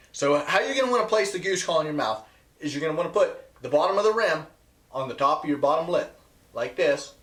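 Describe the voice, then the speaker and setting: Guy doing a how-to video, kinda higher voice, really emphasizes stuff, roomy echoey sound. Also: a bit bright. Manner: emphatic, repeats key points for stress. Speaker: presenter teaching goose calling. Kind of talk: instructional video talk to viewers.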